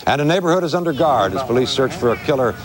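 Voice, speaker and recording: A man anchoring a local evening newscast with a brisk, formal delivery. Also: mid-range voice, lively intonation, music in the background. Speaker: news anchor.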